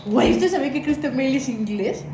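A woman's voice: sits high, animated, fast. A woman with a Mexican accent co-hosting a casual podcast, curious and slangy, asking lots of questions. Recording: echoey room with background chatter.

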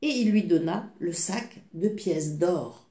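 Slow, expressive woman storyteller. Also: on the low side. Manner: slow, expressive reading with small slips. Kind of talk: reading a fairy tale aloud. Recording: echoey room.

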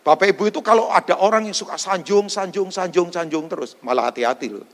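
A man preaching a sermon as pastor, animated, putting questions to the congregation and mixing in English phrases. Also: high voice, fast, big-room sound.

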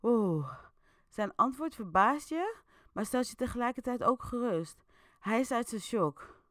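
A woman's voice: fairly high pitch, expressive, moderate pace, fairly bright tone, no room sound, clean studio sound. A woman hosting an interactive story, narrating casually with a chatty, playful manner and many fillers. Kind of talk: casual storytelling with audience votes.

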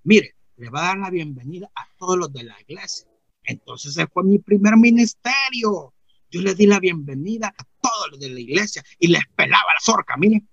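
A man's voice: sits high, animated, normal speed, creaky, fairly bright tone, slightly rough, no echo, lo-fi sound, heavily acted. A man playing a naive rustic churchgoing man, telling a rambling comic story full of repeated "mire" and acted-out voices. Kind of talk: comic character monologue.

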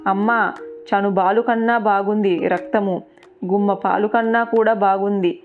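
A savage, vengeful warrior hurling taunts and boasts, as a woman storyteller puts him on. The voice sits in a middle pitch and sounds thin and tinny, like a phone line, with faint music behind. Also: steady tone, a little slow, close to an everyday voice. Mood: triumphant. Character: furious vengeful male warrior, towering and savage.

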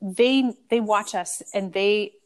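A woman's voice: medium pitch, takes it slowly. A woman hosting a casual conversation, affirming her guest and often asking "right?". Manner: warm, affirming, frequent "right?".

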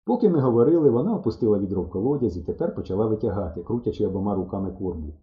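A man reading a children's adventure story aloud with animated, boyish expression. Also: fairly low pitch, rapid-fire. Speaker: audiobook narrator. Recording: dull, roomy lo-fi recording.

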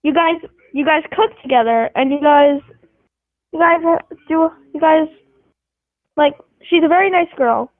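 A woman's voice: high voice, unhurried, no room sound. A woman in casual chat, running a made-up game, rambling with lots of restarts and giggles. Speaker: game host posing scenarios. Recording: tinny phone-like dry sound.

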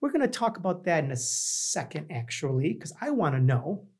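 Casual host, middling pitch, rambling delivery, informal conversational storytelling. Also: very animated, moderate pace, a little mellow. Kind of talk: casual chat.

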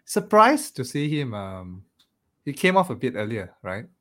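A man's voice: medium pitch, sing-song, a little slow, fairly bright tone. A man co-hosting a casual fantasy football podcast, thoughtful and hesitant, often checking with "right?". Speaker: podcast co-host. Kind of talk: casual chat.

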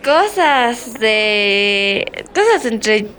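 A woman's voice: fairly high pitch, big pitch swings, very slow, fairly bright tone, heavily acted. A woman playing a bossy, scheming schoolgirl in an amateur role-play drama, talking in a dramatic, exclaiming way.

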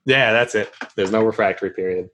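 A man's voice: on the low side, a little fast, fairly bright tone, slight background noise. A man co-hosting a podcast, chatting casually about a show with crude, laughing humor. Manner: crude joking, laughs often. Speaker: podcast co-host. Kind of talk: casual recap chat about a sitcom. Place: remote internet call recording.

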